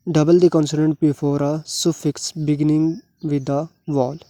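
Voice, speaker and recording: A man teaching a spoken lesson, explaining rules slowly and deliberately, spelling out letters, with frequent hesitations. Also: fairly high pitch, mellow, dry recording. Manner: frequent hesitations and clears throat. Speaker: English teacher.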